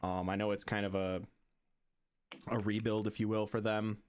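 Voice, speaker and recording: A man's voice: lowish voice, flat delivery, normal speed. A man co-hosting a sports podcast, chatting casually with restarts and playful groans. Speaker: podcast co-host.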